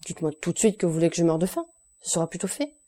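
A woman's voice: fairly low pitch, expressive, racing, mellow. A woman voicing an indignant, starving male banker held prisoner, protesting haughtily in an audiobook reading. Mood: exasperated.

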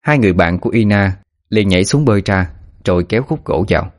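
Low-voiced male storyteller. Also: fast. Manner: steady, even storytelling. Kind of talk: scripted narration. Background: faint music.

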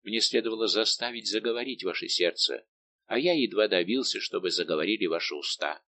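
A man voicing a heartbroken young nobleman who speaks gravely and with passion in an audiobook. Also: fairly low pitch, a little fast, pushed and bright. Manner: impassioned, grave. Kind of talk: audiobook dialogue reading.

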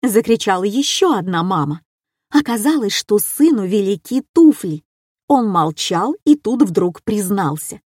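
A woman's voice: mid-range voice, animated, measured pace, a little mellow, breathy edge, dry recording, clean studio sound. Wry woman telling a comic story. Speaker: narrator. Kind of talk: humorous storytelling.

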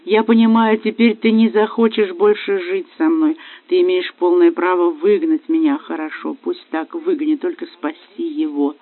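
A man's voice: high voice, flat delivery, moderate pace, hardly any pauses, no room sound. A man voicing a desperate young wife who pleads through tears. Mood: pleading. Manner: pleading, tearful. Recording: dry, phone-like lo-fi.

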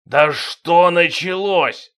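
Guy playing a fed-up king who yells a lot. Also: fairly high pitch, very animated, normal speed, husky. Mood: exasperated. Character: impatient, exasperated male king.

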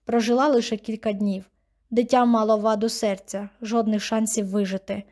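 A woman's voice: fairly high pitch, little pitch movement, normal speed, darkish tone, lightly acted. A stern old grandmother in an audiobook, voiced by a woman narrator, curt and commanding. She scolds in short, clipped orders, her tone cold and bossy.

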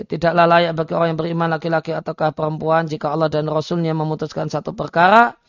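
An Islamic religious teacher gives a study lecture, reading Arabic phrases aloud and then explaining them, with frequent hesitation fillers. His voice is a little high with a gravelly edge. The recording is dry, dull and lo-fi, with no room sound.

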